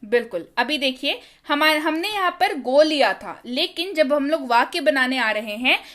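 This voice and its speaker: A young woman teaching English grammar to students, reading example sentences out slowly and word by word between quick check-ins. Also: high-pitched, expressive, fairly bright tone. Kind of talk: explaining tenses to students.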